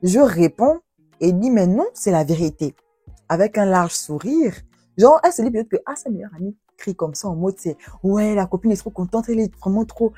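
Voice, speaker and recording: A young woman YouTuber telling viewers' love stories and reacting to them in an expressive, exclaiming way. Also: mid-range voice, normal speed, breathy edge, no echo, faint music behind. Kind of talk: storytelling with commentary.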